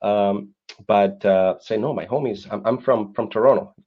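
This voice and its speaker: A man in his thirties from Colombia, accented in Colombian Spanish, sincerely describes his life as a podcast guest and keeps repeating words while searching for them. Fairly low in pitch and speaking at normal speed, he comes through a dull lo-fi recording.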